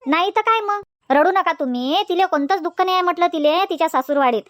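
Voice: very high-pitched, quick pace, fairly bright tone. A voice actor playing a village man who consoles the family, soothing and repetitive. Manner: soothing, repeats himself with "mhatla".

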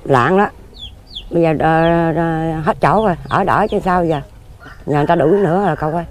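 A lottery ticket seller in her fifties talks briskly in a low voice with a Southern Vietnamese accent, crowd noise behind her. The casual interview takes place outdoors among graves, and she speaks plainly, earnestly and at length in a rambling way.

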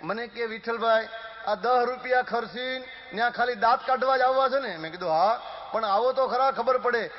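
A man from Gujarat, telling folk comedy stories and acting out the villagers and wife he quotes. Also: very high voice. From Gujarat, India. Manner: acts out quoted villagers and wife in quick dialogue. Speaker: stand-up comedian. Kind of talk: live folk comedy storytelling. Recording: dull live hall recording with long echo. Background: audience laughter.

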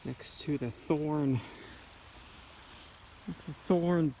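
A man from Canada narrating his metal-detecting finds in a forest, in an unhurried, muttering way, recorded outdoors on a camera mic. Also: fairly high pitch, gravelly, dark tone, a little hiss or hum. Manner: muttering, unhurried, talking to himself. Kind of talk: casual outdoor commentary.

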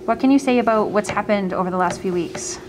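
A woman interviewing a football coach, asking her questions in a polite, measured way. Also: medium pitch, background noise.

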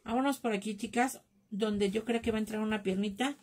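A woman's voice: medium pitch, fairly even intonation, fairly quick, a little mellow. A woman with a Mexican accent hosting a live craft class, chatting and joking with her viewers while she works. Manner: chatty, jokey, calls viewers "chicas".

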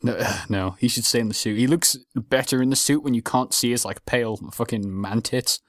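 A man's voice: medium pitch, fairly quick, a bit bright, dry recording, clean studio sound. A young man co-hosting a podcast, giving blunt, sarcastic opinions on wrestling and swearing often. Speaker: podcast co-host. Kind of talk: casual wrestling recap chat.

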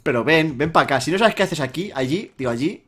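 A young man from Spain with a Spanish accent banters through a let's-play. His voice sits a bit high, and he keeps pressing the same point with teasing repetitions. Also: lively intonation, quick pace, a bit bright, breathy edge. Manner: teasing, insistent, repeats himself. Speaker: gaming channel host.

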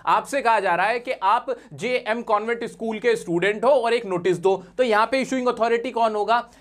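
A male teacher giving a live exam revision class, talking in a chatty, teasing way and mixing in English terms. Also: high voice.

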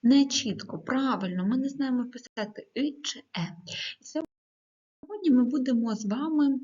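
A woman teacher giving a video lesson to schoolchildren, dictating words slowly and clearly with the odd hesitant filler. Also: sits high, dark tone. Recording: dull lo-fi recording.

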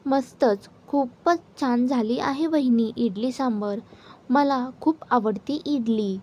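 A woman's voice: on the high side, slow pace, mellow. A woman voicing a playful, cheeky young woman in a storybook reading. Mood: delighted.

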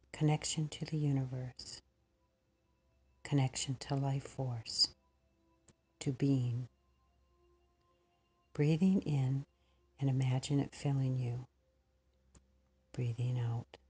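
This is a slow meditation guided by a woman whose voice is rumbling and low, warm and steady in tone. She speaks breathily and huskily in short, pause-separated phrases, sometimes nearly whispering.

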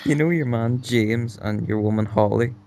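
Gravelly young man, slangy banter. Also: mid-range voice, moderate pace, darkish tone. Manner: laughs a lot, slangy. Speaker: friend co-commentator. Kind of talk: casual chat.

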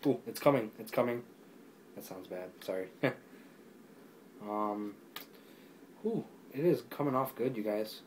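A young man in casual, rambling chat, excitably showing off discs he ordered, with lots of fillers. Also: medium pitch, a little slow, long pauses, slight background noise, poor audio. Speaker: YouTuber reviewing discs.

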